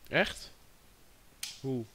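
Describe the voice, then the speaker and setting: A man's voice: extremely slow, sharp tone, a little hiss or hum. A man chatting casually on a livestream, distracted and talking to his chat and a friend. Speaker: livestream host.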